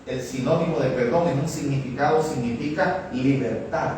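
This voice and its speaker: A man's voice: mid-range voice, normal speed, darkish tone, slight background noise. A man preaching a sermon, often asking the congregation questions. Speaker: pastor. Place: church. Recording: echoey room from far off.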